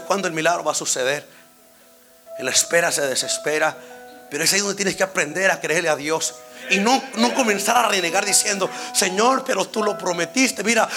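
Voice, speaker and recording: Impassioned high-voiced male preacher. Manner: impassioned, swings between shouting and low hushed lines; often interjects "aleluya". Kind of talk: Pentecostal-style sermon.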